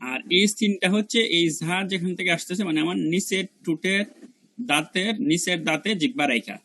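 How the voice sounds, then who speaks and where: A man teaching the pronunciation of letters in a lesson, patiently repeating each sound slowly and stretching it out. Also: high-pitched, expressive, sharp tone.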